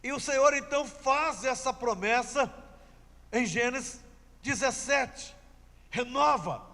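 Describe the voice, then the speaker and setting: A man's voice: very high-pitched, slow pace, pushed and bright, big-room sound. A man preaching a sermon, telling a scripture story emphatically and repeating key phrases.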